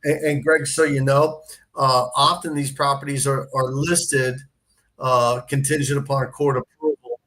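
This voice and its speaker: A man's voice: mid-range voice, steady tone, unhurried, pushed and bright, rough recording. Courteous man making sales calls. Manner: polite and courteous, sir and ma'am. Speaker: real estate broker. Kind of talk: cold-calling on the phone.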